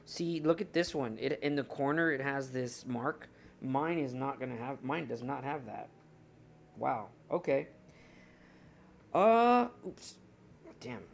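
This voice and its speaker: A man's voice: mid-range voice, unhurried, gravelly, slight background noise. A young man streaming live, chatting casually and rambling to his viewers while he looks through his cards. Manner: rambling, chatty, talks to chat while browsing.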